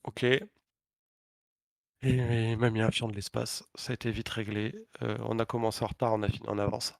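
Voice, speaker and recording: A man's voice: fairly low pitch, level tone, moderate pace, gravelly, dry recording, studio quality. A man co-hosting a podcast, telling a story in casual chat with crude slang, swearing and lots of hesitations. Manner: frequent filler hesitations. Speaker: podcast co-host and competitive player.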